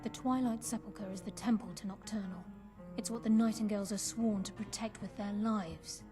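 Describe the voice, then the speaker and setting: An actress voicing a guarded female thief sworn to secrecy, speaking in a measured, earnest way in a video game. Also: medium pitch, fairly even intonation, close to an everyday voice. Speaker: game character. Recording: game audio under music.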